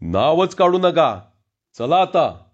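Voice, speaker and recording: Man doing grumpy rustic contractor, scolding, rough village talk, lively swings in pitch, muffled lo-fi sound. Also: takes it slowly, full character voice. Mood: irritable, scolding. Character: angry rustic male wrestling-bout contractor. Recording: dull lo-fi recording.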